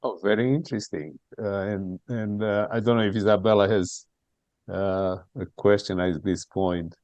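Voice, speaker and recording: A man hosting a conversational interview, asking long questions in a hesitant, halting way. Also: fairly low pitch, steady tone, darkish tone, no room sound. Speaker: interviewer, host.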